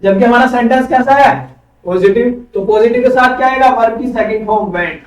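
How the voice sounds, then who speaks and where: A man's voice: very high voice, a little fast, slight background noise. A male teacher giving an online coaching class, asking quiz questions and answering them himself. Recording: echoey room, far from mic.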